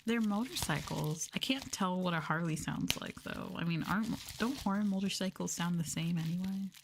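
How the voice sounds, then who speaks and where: A VTuber hosts an ASMR livestream, chatting casually and softly to her viewers and often dropping into a whisper. Her voice is lowish and brisk, with background noise and trigger sounds of crinkling plastic and tapping.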